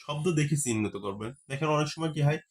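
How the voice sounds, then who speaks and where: A man's voice: a little high, quick pace. A man teaching a grammar lesson. He repeats key terms and keeps asking the class rhetorical questions.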